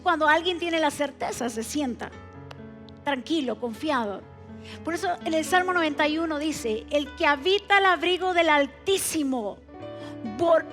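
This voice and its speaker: A woman pastor preaching in a church, emphatic and asking the congregation many direct questions. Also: sits high. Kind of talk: sermon. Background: soft keyboard music.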